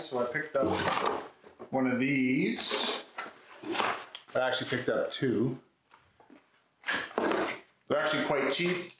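A woodworking video host in his thirties, medium-pitched, explains a hands-on build to camera in a casual, matter-of-fact way. A camera mic a few metres away records him in an indoor concrete-floored garage workshop, giving echoey sound with faint background noise.

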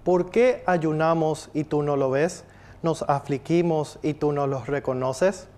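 A young man reading a scripture passage aloud at a chapel lectern, in a steady, declaiming way. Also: a little high, unhurried. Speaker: lector.

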